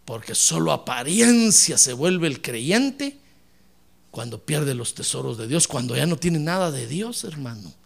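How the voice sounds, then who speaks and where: Male pastor, animated sermon, gravelly edge, swooping pitch. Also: a little slow. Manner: animated preaching, acts out church members in put-on voices.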